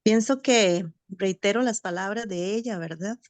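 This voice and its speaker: Woman giving a halting, reflective testimony. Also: medium pitch, no room sound. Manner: reflective, halting, with many fillers. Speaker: bereaved mother sharing in a support session. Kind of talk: personal testimony. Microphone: video call, camera off.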